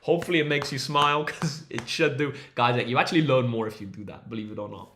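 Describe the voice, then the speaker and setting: A man's voice: mid-range voice, fast, fairly bright tone, slight background noise. A young man runs a casual maths livestream, his voice sitting in an ordinary middle range. He is upbeat and encouraging, rallying his viewers like a team and reading their names from the chat. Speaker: maths tutor hosting a livestream.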